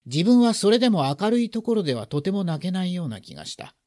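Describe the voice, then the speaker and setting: Guy reading a story out loud, voice swinging all over the place, real animated, dry close sound. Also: sits high, fast, dry recording. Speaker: narrator. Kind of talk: expressive literary reading.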